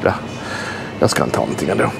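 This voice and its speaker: Middle-aged guy vlogging his trip on a handheld cam, chatty and upbeat, music under it. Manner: chatty, enthusiastic tour-guide commentary. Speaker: travel vlogger. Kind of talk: casual travel vlog narration. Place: outdoors and in a roadside rest stop, walking. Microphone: action camera held at arm's length.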